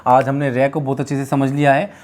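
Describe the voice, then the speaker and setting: A man's voice: mid-range voice, little pitch movement, a little fast, darkish tone. A man teaching a Hindi lesson, repeating sounds and explanations and asking students to say them with him. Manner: repetitive, drills sounds aloud for students; addresses viewers as children and friends. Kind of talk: classroom lesson on pronunciation.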